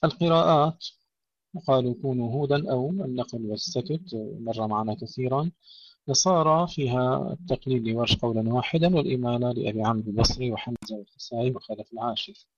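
A man teaching tajweed, explaining pronunciation errors and reciting each example slowly and drawn out. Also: mid-range voice, animated, dry recording, muffled recording.

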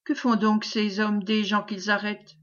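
A woman's voice: medium pitch, level tone, moderate pace, close to an everyday voice. A woman reading the part of a scheming old woman who pleads theatrically, on a dull lo-fi recording. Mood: pleading.

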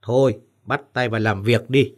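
A man's voice: mid-range voice, steady tone, moderate pace, natural voice. A man voicing a boastful, fearless middle-aged woodcutter in an audiobook story.

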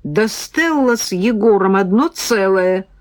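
A woman's voice: medium pitch, lively intonation, a little slow, a little mellow, dry recording, studio quality, pitched above the performer's own voice, lightly acted. A woman reading a cornered hissing female killer. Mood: pleading. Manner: whispering, hissing. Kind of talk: audiobook character reading.

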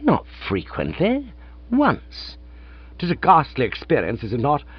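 A man reading the part of a flustered, rambling young gentleman who talks in excitable, breathless bursts. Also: fairly high pitch, unhurried, breathy edge, no echo, voice pushed up, heavily acted. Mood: rattled. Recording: dull lo-fi recording.

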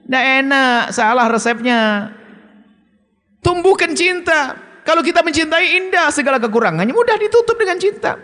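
A man preaching a sermon in a stern, emphatic manner, his voice high and lively as it swoops up and down. The sound carries a long reverb, as if recorded in a large hall. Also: normal speed, pauses often. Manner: emphatic and stern, with sharp swings of pitch. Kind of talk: sermon answering a question from the audience.

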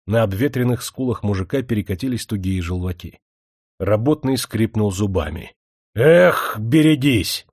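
A man reading a historical novel aloud as narrator, steady and even. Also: mid-range voice, dry recording, studio quality. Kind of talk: scripted audiobook narration.

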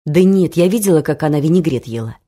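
A woman reading the lines of a timid, squeaky young mother in an audiobook story. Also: expressive, quick pace, dark tone. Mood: plaintive. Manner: squeaky, meek yet stubborn.

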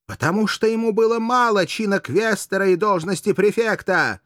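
Мужчина озвучивает молодую коварную куртизанку, театрально, с мольбой и надрывом, в аудиокниге. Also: male voice, moderate pace, dark tone, dry recording, studio quality, natural voice. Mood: impassioned. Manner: shrill, pleading, theatrical. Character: scheming young female courtesan, passionate, manipulative. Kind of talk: audiobook character voice.

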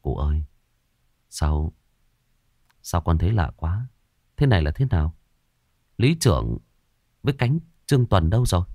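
A man's voice: deep voice, big pitch swings, a little slow, pauses often, dark tone, dry recording, studio quality, voice pushed down, heavily acted. A man doing a stammering terrified servant. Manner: stammering, shaky. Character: terrified young male servant, timid and stammering.

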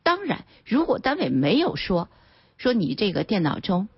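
A woman lawyer speaking as a radio talk show guest, with a slightly husky, fairly high voice. She explains animatedly, jumping up and down in pitch as she acts out little scenes. The recording is a dry studio with a dull broadcast quality. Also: wildly swooping pitch, normal speed, dry recording.

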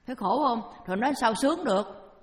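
Lady giving a dharma talk, fairly high voice, lots of long hall echo. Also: lively intonation, quick pace. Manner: keeps asking the audience questions and answering them herself; homely, repetitive preaching with everyday examples.

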